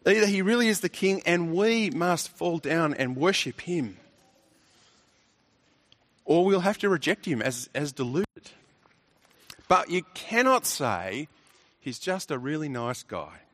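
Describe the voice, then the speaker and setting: A man's voice: high voice, very animated, unhurried, long pauses, a bit bright. Emphatic man preaching a sermon. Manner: emphatic, rhetorical questions, repeats words.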